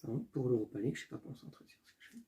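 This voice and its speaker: Racing along in a warm, sing-song voice of medium pitch, a young man hosts a casual solo football video. He thinks aloud, restarting and correcting himself often, and stumbles over names before apologizing.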